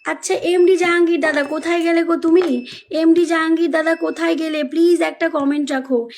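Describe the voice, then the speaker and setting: A woman's voice: very high voice, steady tone, fairly quick, a little mellow, slight background noise. A woman hosting a casual live stream, reading out viewer comments and coaxing viewers in a pleading, repetitive way. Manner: pleading, coaxing viewers, repeats names and phrases.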